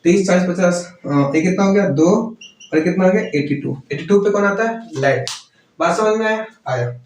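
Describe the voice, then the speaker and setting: Male chemistry teacher, higher voice, drills students with quick questions; heavy room echo, distant mic. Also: lively intonation, darkish tone, a little hiss or hum. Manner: asks and answers his own questions, repeats key words. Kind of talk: classroom lecture. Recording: roomy echo, voice from far off.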